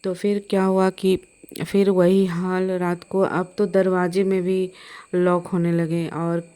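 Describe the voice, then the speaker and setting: A woman's voice: on the low side, flat delivery, slow, warm tone, clear, resonant tone. A middle-aged woman recounting a frightening personal experience, hesitant, with many fillers and restarts. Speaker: storyteller.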